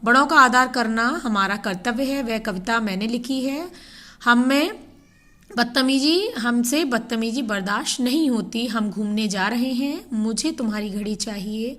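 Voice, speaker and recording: Hindi teacher woman, fairly high voice. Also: fairly bright tone. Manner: explains slowly, reads example sentences aloud; addresses children directly. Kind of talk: classroom grammar lesson.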